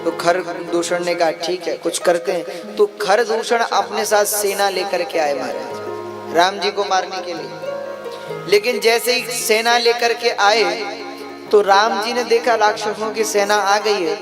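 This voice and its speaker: High-voiced male preacher telling a sacred story. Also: a little slow. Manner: animated storytelling with sung verses and chants. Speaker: religious storyteller. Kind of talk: devotional story sermon. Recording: live event with music. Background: music.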